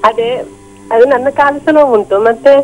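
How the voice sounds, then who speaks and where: A woman's voice: on the high side, fairly quick. A woman calling in by phone to an astrologer, eagerly agreeing with him. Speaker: caller. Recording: dull phone-line audio.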